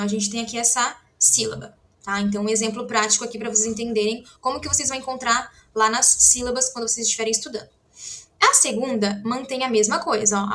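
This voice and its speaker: Bright-voiced woman teaching casually. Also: fairly high pitch. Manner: chatty, frequent "né?" and "tá?" check-ins; explains while writing on a board. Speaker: Korean language teacher. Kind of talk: casual online lesson.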